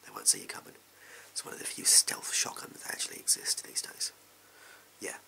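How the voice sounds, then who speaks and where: A young man acts out a sleazy backstreet arms salesman in a whispered role-play with an English accent. The voice is very low and heavily creaky, with a sharp, hissing edge. He pitches his wares in furtive, offhand, clipped phrases. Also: huge pitch swings, a little fast, full character voice. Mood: furtive, casual. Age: young adult. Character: shady, amoral backstreet gun salesman, casual and furtive. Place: small indoor room at home. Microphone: close to the camera.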